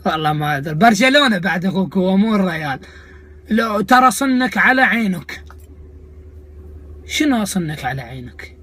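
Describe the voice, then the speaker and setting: A man's voice: high voice, lively intonation, a little fast, pauses often, sharp tone, husky. A man with an Iraqi Arabic accent delivering a comic rant to viewers, mocking, indignant and sarcastic in manner. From Iraq. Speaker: comedian host of a video channel.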